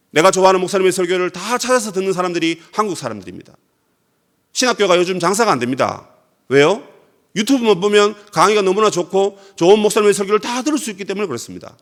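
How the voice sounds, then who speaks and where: A man's voice: sits high, fairly bright tone. A Korean man preaching a sermon as pastor, acting out scripture quotes dramatically.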